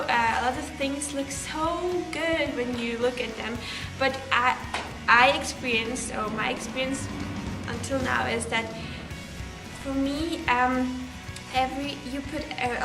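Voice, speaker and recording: With a high voice, fairly even intonation and a slightly slow pace, this exchange student answers interview questions in English. She is a teenager from Belarus and a native Russian speaker, and her speech has many fillers and restarts. Music plays in the background of an echoey room.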